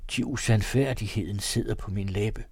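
A man voicing a troubled older father who confesses his dark, frightening moods to his son in a read-aloud novel. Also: lowish voice, breathy edge, dry recording, clean studio sound. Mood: haunted. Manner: earnest, haunted confession.

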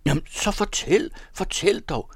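A man voicing a small elderly gentleman, fussy and alarmed, asking shrill, indignant questions in a storybook reading. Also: sing-song, breathy edge, no room sound, studio quality, heavily acted.

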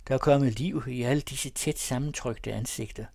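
A man's voice: mid-range voice, gravelly, a little mellow, no room sound. Man reading literary prose, dry. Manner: measured, descriptive reading. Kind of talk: scripted literary narration.

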